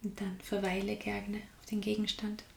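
A woman guiding a meditation in a calm, soft-spoken way, often sinking into a whisper. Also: mid-range voice, normal speed, creaky, reverberant, slight background noise. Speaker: meditation guide. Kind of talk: guided meditation.

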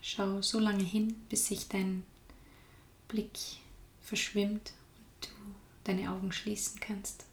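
A woman guiding a meditation in a calm, soft-spoken way, often sinking into a whisper. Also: medium pitch, takes it slowly, roomy sound, a little hiss or hum. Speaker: meditation guide. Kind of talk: guided meditation.

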